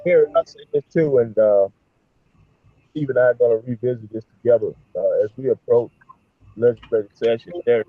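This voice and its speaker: A man speaking haltingly in a meeting over a bad connection that keeps breaking up. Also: mid-range voice. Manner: halting, with "uh" fillers. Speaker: remote meeting participant. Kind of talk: meeting remarks over a call. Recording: choppy phone-like call line.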